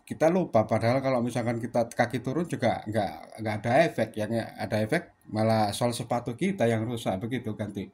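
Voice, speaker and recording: A man from Surabaya, Indonesia, chats casually over ham radio as an operator and channel host. His mid-range voice moves briskly with few pauses, full of fillers, and he closes each turn with the sign-off "ganti." Background noise is audible.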